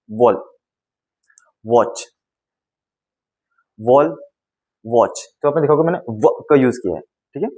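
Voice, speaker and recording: A young man, an English teacher giving a phonics lesson, saying each sound slowly and repeating it several times. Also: medium pitch, darkish tone, poor audio.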